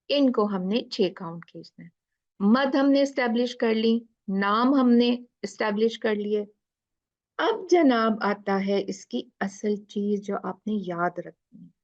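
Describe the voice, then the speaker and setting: A woman's voice: on the high side, creaky, highs cut off. A woman teacher explaining recitation rules in a class, asking questions and drawing out letter sounds. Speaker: tajweed teacher.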